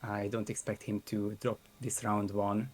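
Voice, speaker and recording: A man co-hosting a live stream, weighing up match predictions out loud in a casual, analytical way, his voice worn from hours of talking. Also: on the low side, flat delivery, measured pace. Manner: analytical, thinks aloud with restarts. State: voice strained from long talking. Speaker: co-host and commentator. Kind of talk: casual esports prediction chat.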